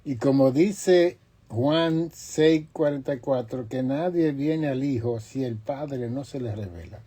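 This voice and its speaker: A male pastor delivers a sermon in measured, deliberate phrases, pausing often and lifting his voice to stress quoted lines. His tone is deep and dark, with a slightly husky edge. He speaks at an unhurried pace. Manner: slow, emphatic preaching with long pauses and rising, forceful quotes.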